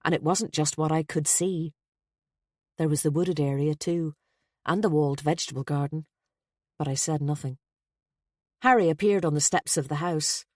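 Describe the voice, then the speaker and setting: Woman audiobook narrator, low voice, wry introspective first-person telling. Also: moderate pace, pauses often, darkish tone, no echo, studio quality.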